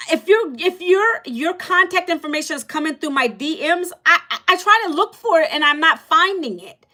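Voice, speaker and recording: This middle-aged livestream host addresses her viewers head-on, selling an online course with vigor and emphasis. Her tone is sharp, and the setting is casual.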